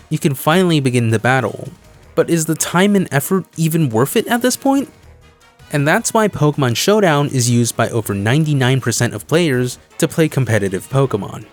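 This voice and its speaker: A man with a medium-pitched, slightly mellow voice hosts his own video essay, delivering scripted commentary that explains things and leans on key phrases for emphasis. Background music plays underneath.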